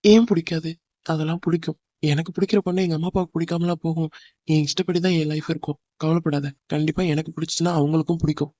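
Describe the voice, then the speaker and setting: A man's voice: a little high, fairly even intonation, fast talker, dark tone, no echo, close to an everyday voice. A man voicing an earnest young man in love, reassuring and tender, on a dull lo-fi dry recording. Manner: pleading, soothing. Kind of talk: cartoon drama voice acting.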